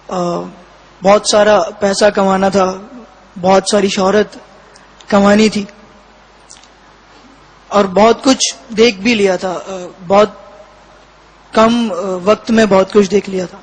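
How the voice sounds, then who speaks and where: A man with a fairly high voice recounts his own experience as an interview guest. He speaks in a flat, level tone, pausing often and searching for words between short phrases. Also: rough recording. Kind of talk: personal testimony.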